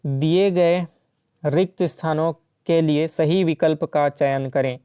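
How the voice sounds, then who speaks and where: Mellow, smooth-voiced male exam tutor. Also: a little high, steady tone, takes it slowly, no room sound, clean studio sound. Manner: explains step by step with frequent "ठीक है" and "है ना". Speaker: teacher solving exam questions. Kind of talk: exam-prep lesson.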